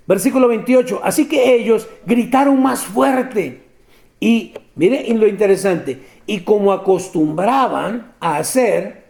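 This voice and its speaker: A man preaching a lively sermon, talking straight to his listeners and laughing often. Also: extremely high pitch, gravelly. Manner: animated, addresses listeners directly, laughs often.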